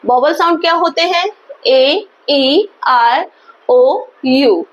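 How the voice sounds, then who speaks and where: A woman teaching an English grammar lesson in Hindi, asking questions and answering them herself and reading example sentences slowly. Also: high voice, animated, dull audio. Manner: slow, spelled-out example sentences.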